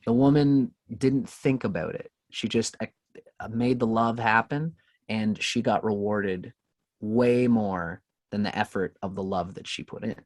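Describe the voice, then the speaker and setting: A man on a podcast, calmly telling a spiritual story in an unhurried, reflective way. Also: on the low side, dry recording. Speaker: podcast guest. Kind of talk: casual storytelling in conversation.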